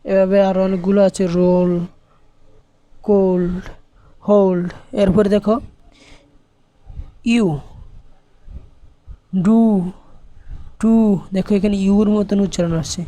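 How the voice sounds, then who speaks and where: A tutor spells each English example aloud, then says the whole word. The delivery is monotone, with little rise or fall. The voice is soft and mellow. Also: mid-range voice, moderate pace, pauses often, no echo, rough recording. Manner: spells out words letter by letter, then says them; even, repetitive teaching cadence. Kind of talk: spoken lesson to viewers.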